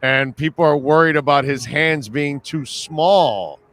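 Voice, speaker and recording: A man's voice: fairly high pitch, a little slow, fairly bright tone. A man hosting a sports talk show, chatting casually and putting questions to his guest.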